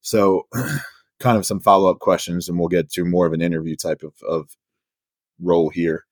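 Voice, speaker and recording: A man in his thirties hosts a casual podcast chat, his voice sitting very low. He tells stories in a loose, easygoing way. The sound is dry and close, with no room around it. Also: moderate pace, no room sound. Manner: relaxed storytelling, fillers, laughs. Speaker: podcast host. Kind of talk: casual conversational interview.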